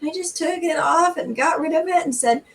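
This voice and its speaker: Speaking from some distance from the microphone, a middle-aged woman with a very high voice hosts a church storytime at normal speed. She chats informally and reads aloud in a lively, conversational manner aimed straight at her audience.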